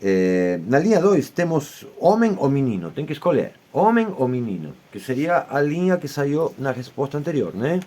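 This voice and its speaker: A man giving an explanatory lecture as an I Ching teacher, speaking in a measured way and often closing his points with quick tag questions. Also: medium pitch, sing-song, mellow.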